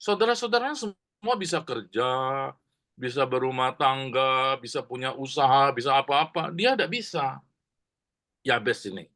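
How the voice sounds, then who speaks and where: Chatty preacher with a bright voice. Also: male voice, mid-range voice, animated, normal speed. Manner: conversational storytelling, many fillers and asides to the congregation. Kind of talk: sermon. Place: church.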